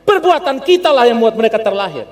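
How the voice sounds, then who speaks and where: A man preaching a humorous, animated sermon, calling on the congregation to respond. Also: very high-pitched, fast talker. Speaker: pastor. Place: church hall. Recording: long church hall reverb with faint music.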